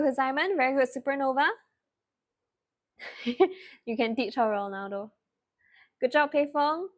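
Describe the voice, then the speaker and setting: A young woman leads a live online spelling lesson, cheerfully praising students by name. Her voice sits high, and she talks at an easy, unhurried pace, drawing words out slowly when she spells them. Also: fairly bright tone. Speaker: online tutor.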